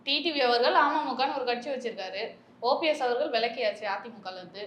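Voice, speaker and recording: A woman interviewing a guest, speaking in a calm, teasing, mock-soothing way. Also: a little high, fairly quick, a little hiss or hum. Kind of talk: interview questioning. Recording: roomy echoey room.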